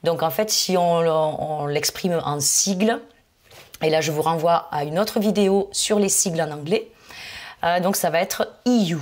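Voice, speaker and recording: A woman with a fairly low voice gives an online English lesson. She explains patiently and fills pauses with hesitant fillers. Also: a little mellow. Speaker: English teacher.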